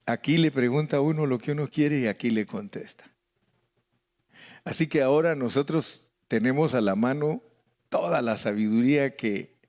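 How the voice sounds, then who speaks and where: Folksy Mexican pastor teaching a Bible study. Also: male voice, mid-range voice, darkish tone. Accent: Mexican Spanish. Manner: folksy and joking, mimics voices, calls out to the congregation.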